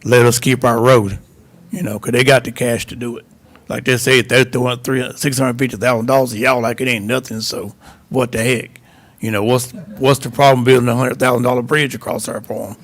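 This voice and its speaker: A man's voice: medium pitch, steady tone, fairly quick, a bit bright. A man giving a blunt, folksy, aggrieved comment at a council hearing. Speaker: resident speaking at public hearing. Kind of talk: plain-spoken public comment. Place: city council chambers.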